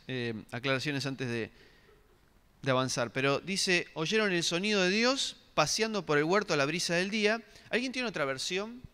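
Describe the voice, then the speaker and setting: This middle-aged man, a pastor, preaches to a church hall congregation and asks them questions, stumbling into many restarts along the way. His rather high voice comes across as bright, forceful, clear and resonant, surrounded by the long echo of the room.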